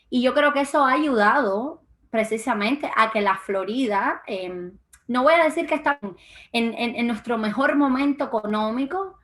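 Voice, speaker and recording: This is a young woman from Cuba, speaking as an interview guest in a political talk. Her voice sits a little high for a woman. She talks hesitantly, with frequent fillers and repeated words as she works out her points. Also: a bit bright. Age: young adult. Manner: hesitant, many fillers and restarts. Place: lives in Florida.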